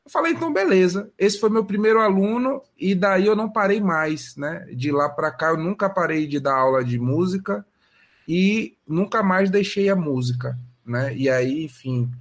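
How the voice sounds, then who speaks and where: Relaxed man telling his story. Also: high voice, moderate pace. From Salvador, Bahia, Brazil. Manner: relaxed storytelling with many fillers and tag questions. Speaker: guest, musician and music educator. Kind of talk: casual podcast interview answer.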